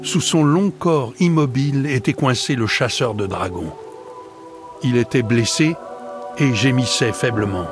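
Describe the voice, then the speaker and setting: A man's voice: medium pitch, animated, unhurried, over music. Man narrating a storybook dramatically. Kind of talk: audiobook narration.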